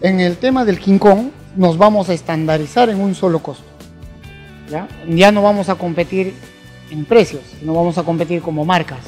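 A middle-aged man with a Peruvian Spanish accent talks into a handheld mic in a formal hall, promoting an event with frequent pauses. His voice is mellow and dark. Faint music sits behind him. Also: sits high. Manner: halting, many fillers, promotional. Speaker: event organizer. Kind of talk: on-camera interview. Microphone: handheld station mic.

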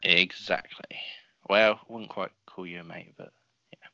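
A man's voice: sits low, fairly even intonation, measured pace, sharp tone, no echo, lo-fi sound. A man co-hosting a casual podcast, explaining things with dry, teasing humor. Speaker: podcast co-host.

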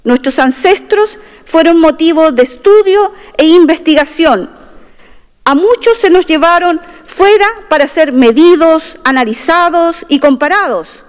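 Speaking unhurriedly into a desk microphone at a podium, a middle-aged delegate to a constitutional convention gives a formal opening speech, partly read aloud. Her voice sits high, earnest and proud as she stresses key phrases, and the big wood-panelled chamber lends a long reverb.

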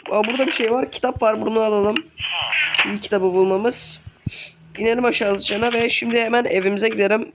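Fast-talking sick young man gaming. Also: extremely high pitch, fairly bright tone, slight background noise. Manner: chatty, swears casually, keeps addressing viewers. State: sick, voice worn. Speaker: gaming channel host. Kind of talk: casual let's play commentary.

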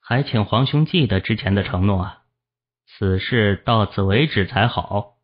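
A man's voice: on the low side, a little slow. A man voicing a cold, mocking young cultivator. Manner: cool and mocking. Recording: dull lo-fi audio.

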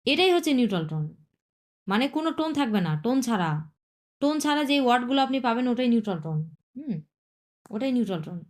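A woman's voice: fairly high pitch, animated, fast talker, pauses often. Patient woman teaching a language class. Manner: patient, repeats points and checks understanding.

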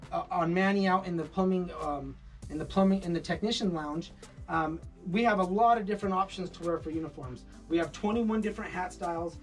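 A man's voice: high voice, distant mic. Man leading a casual echoey shop tour. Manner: relaxed, conversational, frequent fillers. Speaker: company representative giving a shop tour. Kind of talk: walking tour narration. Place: indoor warehouse and offices. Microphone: camera following him, mic at a distance. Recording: echoey rooms, voice a bit off-mic, soft music underneath.

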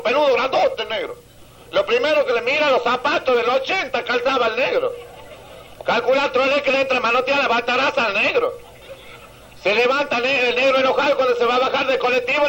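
A man's voice: very high-pitched, pushed and bright, a little hiss or hum, poor audio. A man from Santiago del Estero with a Santiagueño Argentine accent, telling crude jokes outdoors as a stand-up comedian and laughing at his own punchlines. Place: outdoors on a seaside promenade.

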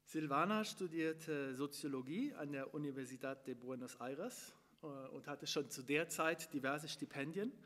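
A man's voice: a little high, moderate pace, few pauses, a bit bright. Middle-aged man hosting in a reverberant hall. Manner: hesitant, many fillers. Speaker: moderator. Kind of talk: live talk introduction and interview. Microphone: stand mic. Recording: long room reverb, from far camera.

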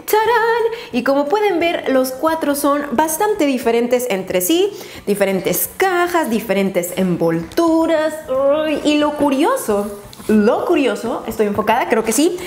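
A chatty, excitable woman with a Mexican accent, unboxing a beauty haul and dropping English exclamations. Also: sits high. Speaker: beauty vlogger. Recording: roomy echo with faint noise.

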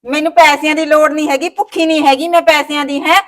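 Indignant high-voiced Punjabi woman. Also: little pitch movement, fast talker, fairly bright tone. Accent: Punjabi (Malwa). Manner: indignant, complaining, talks over objections. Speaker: actor playing a sulking sister-in-law. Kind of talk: Punjabi family short film acting.

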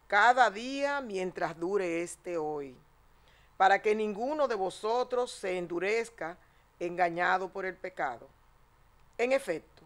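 A woman in her sixties reads at a chapel lectern during Mass. Her pitch is average and her delivery is that of solemn scripture and psalm reading. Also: a bit bright. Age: 60s. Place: small indoor chapel. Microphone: lectern microphone.

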